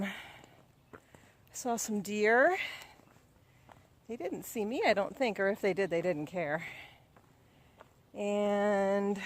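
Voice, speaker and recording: A middle-aged woman records a casual training update outdoors in the woods. She talks slowly and easily, relaxed and chatty. Her voice sits at a middle pitch, and she encourages herself as she goes. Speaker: vlogger. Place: outdoors on a woodland ride.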